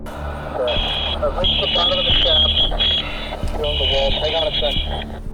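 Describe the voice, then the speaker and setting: A man's voice: fairly high pitch, fairly even intonation, a little slow, over loud music, poor audio. A man diving underwater, speaking through a diver's mask radio and giving terse, clipped status reports. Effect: heard through a diver's mask radio.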